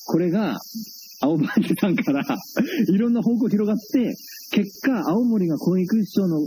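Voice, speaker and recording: A man who is a rakugo storyteller, co-hosting a casual chat and telling stories in a blunt, rough-spoken way. He was recorded outdoors. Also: high-pitched, lively intonation, normal speed, dark tone, slight background noise, poor audio. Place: outdoors, with cicadas in the background.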